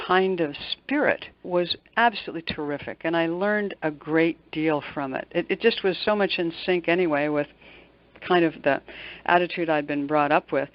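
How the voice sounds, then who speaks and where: An older woman with a low voice answers interview questions conversationally as a guest, in a muffled recording with no room sound. She's a motivational speaker and executive coach, emphatic and fond of repeating words for stress.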